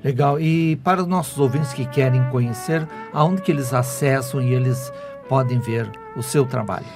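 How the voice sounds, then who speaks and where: A man with a mid-range voice hosts a conversational radio interview at a moderate pace. He speaks into a studio microphone in a small foam-padded radio studio, with clear music in the background.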